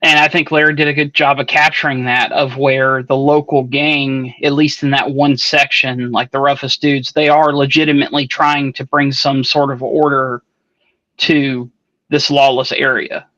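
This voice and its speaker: A man's voice: medium pitch, little pitch movement, moderate pace, pushed and bright, no room sound. A man in a casual online book club chat who explains things at length with musing asides. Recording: dull, lo-fi, dry.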